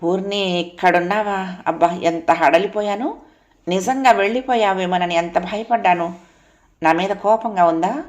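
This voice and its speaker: A woman's voice: on the low side, fairly even intonation, moderate pace, natural voice. A woman voicing a remorseful young husband who speaks in a pleading, tender way.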